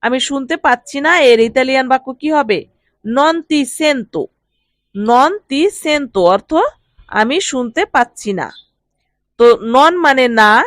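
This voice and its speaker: Woman teacher, Bengali accent, slow repeated phrases, dry close recording. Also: sits high, dry recording. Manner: repeats each phrase slowly, then explains its meaning. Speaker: language teacher. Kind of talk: spoken language lesson.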